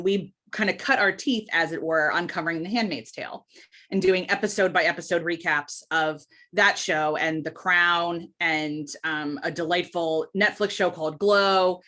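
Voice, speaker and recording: A woman from the United States, a guest on a podcast, talking in a chatty, animated way with quick asides and easy laughs. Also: lowish voice. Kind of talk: casual podcast interview.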